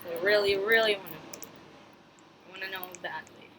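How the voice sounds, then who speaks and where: A woman's voice: medium pitch, a little fast. A woman hosting her own gaming channel, rambling through casual gameplay commentary with many fillers and restarts while chatting straight to her viewers. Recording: clear background noise with clicks.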